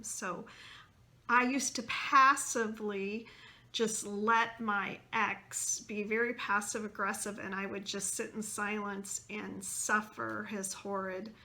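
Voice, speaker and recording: Slow, bright-voiced woman host. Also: mid-range voice. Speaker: self-help video host. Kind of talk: casual talk to camera.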